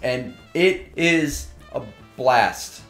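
A man's voice: mid-range voice, expressive, drawn-out words, a bit bright, reverberant, soft background music. A man co-hosting a podcast, rambling enthusiastically about a video game. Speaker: podcast co-host. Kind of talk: casual chat about games.

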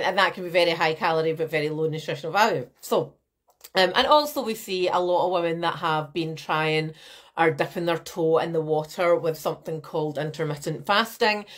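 Her lowish voice moves at a moderate pace as she, a nutrition coach, streams a live masterclass from a small room at home. Talking into the laptop webcam mic, she stays animated and chatty, gesturing often and calling out viewers by name.

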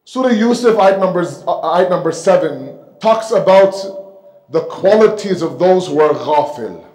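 Seated at the pulpit in a mosque hall, a man gives a sermon lecture in a rather high, slightly mellow voice, speaking emphatically, animatedly and a little slowly. He repeats phrases for weight and asks rhetorical questions, and the stand microphone close in front picks up a noticeably echoey sound.

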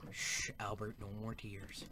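A young gaming YouTuber with a lowish, monotone voice speaks unhurriedly over very heavy noise, with keyboard clicks and typing behind him. His commentary is crude and joking, full of swearing and whispered asides.

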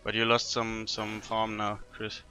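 A man chatting with his team during an online game, making quick callouts and teasing with a laugh. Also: lowish voice, monotone, sharp tone, faint music behind. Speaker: gamer in voice chat. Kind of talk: casual team chat while gaming.

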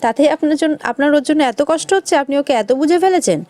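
A woman reading the lines of a defiant, sharp-tongued young woman, in an indignant, retorting tone. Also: sits high, lively intonation, quick pace, pitched above the performer's own voice.

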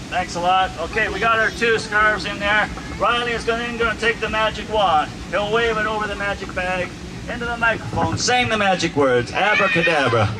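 A man performing as a kids party magician outdoors, talking to his audience like a playful showman full of mock amazement. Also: sits high. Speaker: children's magician and musician, host of the show. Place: outdoor park lawn under trees. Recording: outdoor PA, music and crowd noise behind.

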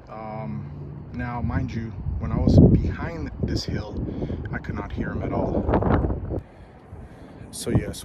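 At night on a mountaintop, a man in his thirties vlogs to camera while testing radios, talking through a headset mic. His fairly low voice is relaxed and plain-spoken, full of ums, and the recording is very noisy.

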